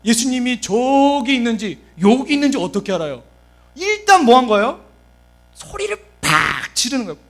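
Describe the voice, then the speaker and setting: A man preaching a sermon as a junior pastor, animated, asking his listeners questions and answering them himself. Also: very high-pitched. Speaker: junior pastor of a children's department.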